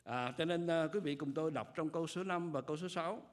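An older man preaching a sermon at a church pulpit, speaking in a measured, earnest way with frequent hesitation fillers. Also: on the high side. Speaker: pastor. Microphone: pulpit microphone.

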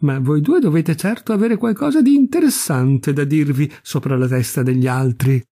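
A man's voice: a little high, lively intonation, moderate pace, dark tone, no room sound, studio quality. A man reading aloud voices a bold, teasing young woman who speaks frankly and mockingly.

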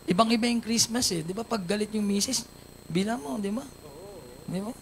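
A man's voice: high voice, a little fast. A Filipino man hosting a live company event, playful and joking with the guests and audience. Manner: playful, jokes with guests and crowd. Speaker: event host.

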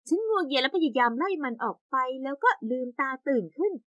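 Young woman narrating a cartoon story, bright voice, big swings, dry close mic. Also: high voice, brisk, dry recording, muffled recording. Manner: lively, exaggerated storytelling.

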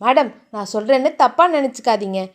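A woman's voice: on the high side, brisk, natural voice. A woman voicing a nervous male assistant. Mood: placating.

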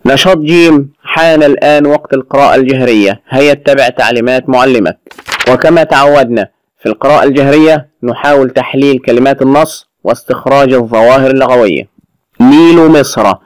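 A man with an Egyptian accent teaching a children's Arabic lesson, reciting verses slowly and explaining them in quick colloquial asides. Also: medium pitch, dry recording, rough recording. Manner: asks the pupils questions and answers them himself.

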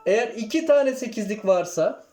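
A man's voice: high-pitched, lively intonation, moderate pace, dark tone. A man teaching a music lesson, counting beats aloud and checking in with his students. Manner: counts beats and sings note names aloud; addresses students directly, checks "okay?". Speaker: kemenche teacher.

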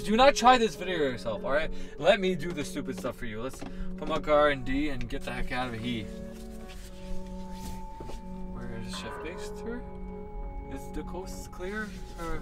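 A man vlogging a horror skit from his car, shouting in fright and then dropping to whispers as he hides. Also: mid-range voice. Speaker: YouTuber. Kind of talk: scripted horror skit vlog. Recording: loud music behind.

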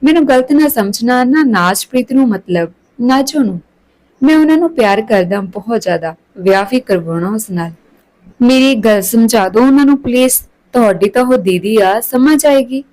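A woman's voice: a little high, animated, normal speed, darkish tone, lightly acted, poor audio. A woman voicing a sincere young man in love, tender and anxious. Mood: pleading.

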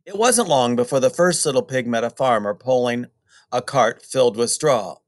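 A middle-aged man narrating a children's story expressively, with deliberate, emphatic phrasing. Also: mid-range voice, dry recording. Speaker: storybook reader.

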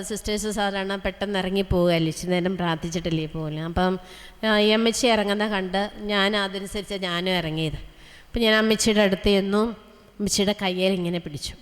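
Preaching nun with a long echo. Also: female voice, medium pitch. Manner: fervent, slow and drawn out when exhorting; storytelling, quotes an old woman in a soft voice. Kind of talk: sermon. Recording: long hall reverb.

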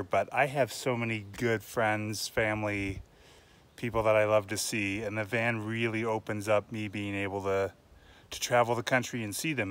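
A man's voice: on the low side, fairly bright tone. A man in his thirties talking casually to a phone held at arm's length while hiking on a wooded trail, reflective and full of fillers. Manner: chatty, reflective, with many "uh" fillers. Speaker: vlogger. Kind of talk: casual selfie vlog. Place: outdoors on a wooded mountain trail.

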